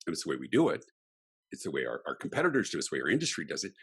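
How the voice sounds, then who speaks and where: Animated, husky-voiced middle-aged man. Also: extremely low pitch, rapid-fire. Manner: emphatic and ranting, with vivid examples. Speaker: podcast guest, customer experience speaker. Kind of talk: animated interview talk.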